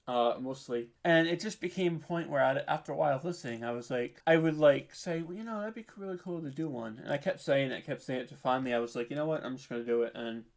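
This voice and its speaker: Speaking with vocal fry at a medium pitch, this man is a podcast guest who writes and produces audio dramas. The interview is relaxed and informal, and he's hesitant and self-deprecating, playing himself down.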